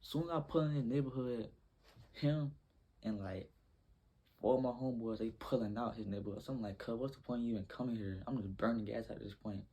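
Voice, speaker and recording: A man's voice: medium pitch, brisk, mellow, breathy edge. A young man telling a rambling, slangy story in a casual storytime vlog.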